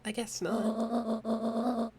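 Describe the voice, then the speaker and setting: Brief: woman doing a sarcastic boy for a game dub, slow drawl, fairly high. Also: completely flat delivery, warm tone, soft background music. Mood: groggy. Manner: slow, sardonic, swears freely. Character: sleepy, sarcastic young boy. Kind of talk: improvised game voice-over.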